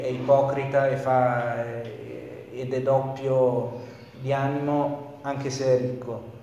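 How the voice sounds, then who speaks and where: A man preaching a sermon, putting questions to the audience with pauses and restarts. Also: mid-range voice, darkish tone. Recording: echoey hall, faint noise.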